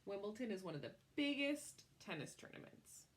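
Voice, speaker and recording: A woman with a mid-range voice reads a picture book aloud, telling the story expressively. Her phrasing is measured, and she leans on key words.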